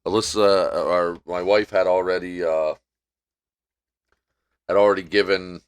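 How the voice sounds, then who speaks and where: A man's voice: low voice, steady tone, a little slow, smooth. A man co-hosting a casual podcast who recounts events in a wry, matter-of-fact way, with some swearing. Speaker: podcast co-host. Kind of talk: casual storytelling chat.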